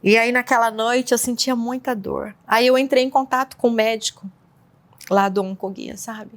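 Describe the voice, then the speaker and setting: A woman telling her personal story in an interview, speaking haltingly with frequent restarts and fillers. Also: fairly high pitch, fairly even intonation. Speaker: interview guest. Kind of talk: personal testimony in conversation.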